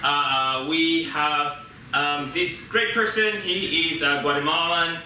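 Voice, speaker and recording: A Peruvian man hosts a casual live on-stage interview before an audience of about fifty, speaking informally and haltingly and often repeating words as he asks his questions. His voice is a little high. The recording has roomy echo, a distant mic and loud background noise.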